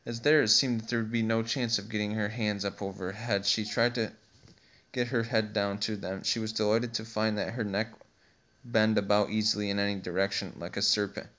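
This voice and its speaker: A man narrating an audiobook in a steady, plain reading voice with occasional slips. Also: on the low side, a little fast. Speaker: audiobook reader. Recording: dull lo-fi recording.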